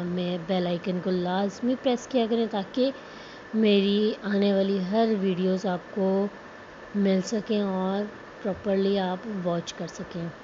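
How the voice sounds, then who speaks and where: A young woman, chatting casually through a vlog, with many fillers and asides. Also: medium pitch. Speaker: vlogger. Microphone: phone. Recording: muffled phone audio with background noise.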